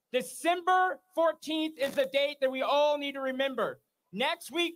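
A man speaks as an organizer at a rally. His voice is raised extremely high in pitch. He delivers slogans and declarations in a shouting, repetitive style. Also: rough recording. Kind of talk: rally speech with chanting.

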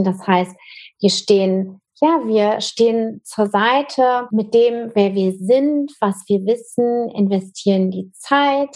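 A woman's voice: medium pitch, a little mellow. A woman guest in an interview, talking casually and thoughtfully about her work as a trainer, with frequent fillers and restarts. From Germany.

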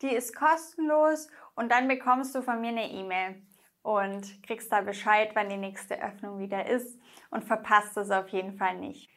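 A woman teaching Spanish grammar, explaining slowly and carefully and speaking directly to the viewer. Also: medium pitch, a bit bright. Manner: slow, careful explanations with drawn-out example words.

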